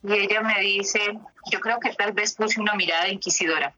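Bright-voiced woman therapist telling cases. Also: mid-range voice, steady tone, highs cut off. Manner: reflective, with pauses and fillers. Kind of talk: telling case stories in an interview.

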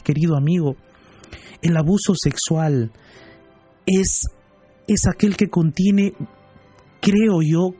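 A man speaking as a pastor, gently and earnestly telling a story and addressing listeners. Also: on the high side, slightly rough, dry recording. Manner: earnest, gentle, retells dialogue. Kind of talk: radio-style pastoral talk.

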